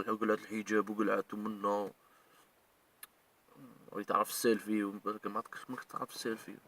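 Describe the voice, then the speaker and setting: A man's voice: on the low side, sharp tone, distant mic. A man with an Algerian Arabic accent, scolding and ranting emotionally in a video as he speaks straight at the people he means. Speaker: online commentator. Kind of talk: heated video rant.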